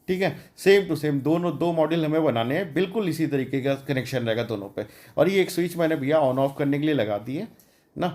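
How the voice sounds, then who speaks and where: A man hosting a DIY electronics tutorial walks through a hands-on project step by step, explaining informally and mixing in English technical terms. His voice is a little high with a darkish tone.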